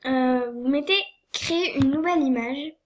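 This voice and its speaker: A young woman with a cold, audibly sniffly, walks through a screen-recorded game tutorial she made. Her voice is high and darkish in tone at a moderate pace, and she is hesitant, with many fillers and apologies.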